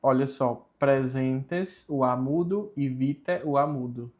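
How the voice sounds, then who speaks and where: A man's voice: medium pitch, normal speed, a little mellow. A man teaching the pronunciation of a Latin prayer, enunciating carefully and repeating words to drill them.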